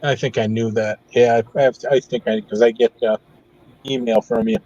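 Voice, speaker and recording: A man's voice: mid-range voice, fairly even intonation, moderate pace, mellow, highs cut off. A man who is a regular of the stream, chatting in an easygoing, folksy way over a call. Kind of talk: casual chat.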